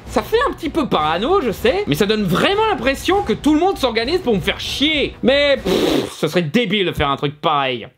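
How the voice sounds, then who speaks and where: A man's voice: very high voice, fairly bright tone. A man reviewing in a blunt, irritated tone, swearing now and then. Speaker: host and film critic. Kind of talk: comedic video review.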